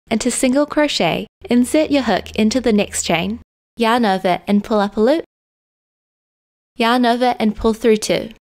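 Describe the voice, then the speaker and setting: A woman host narrating a crochet tutorial in a calm, step-by-step instructional manner. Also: on the high side. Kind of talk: scripted tutorial voice-over.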